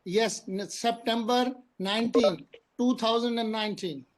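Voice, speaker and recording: A man's voice: extremely high pitch, a little slow. Pakistani-accented man, 60s, courteous retired officer, video call. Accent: Pakistani English. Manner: formal and courteous. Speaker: retired prison officer guest. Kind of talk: polite conversation.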